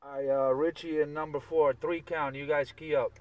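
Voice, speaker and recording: Over a CB radio transmission, an operator chats casually, giving signal reports and often repeating himself. His fairly high voice has a flat delivery at a moderate pace, and the highs are cut off. The audio sounds distant and very noisy.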